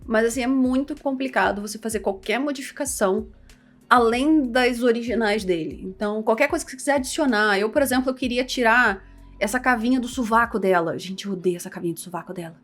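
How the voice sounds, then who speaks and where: A woman's voice: on the high side, fast, faint music behind. A young woman from Rio de Janeiro with a Carioca accent, chatting animatedly and joking at herself in a casual vlog. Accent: Carioca Portuguese. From Rio de Janeiro, Brazil. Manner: animated, chatty, self-deprecating. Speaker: VTuber and content creator.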